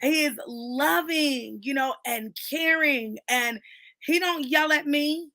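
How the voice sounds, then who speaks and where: A woman's voice: sits high, takes it slowly, bright, forceful tone, dry recording. A woman in casual, emphatic conversation about faith at a book club, talking with lots of fillers.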